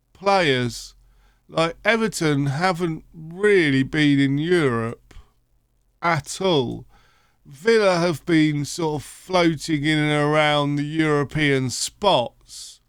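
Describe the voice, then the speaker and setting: In a clean studio recording with no room sound, a man with a slightly high, smooth voice commentates his football management game for his gaming channel. He's sleepy and yawning, rambling casually and thinking aloud with many fillers.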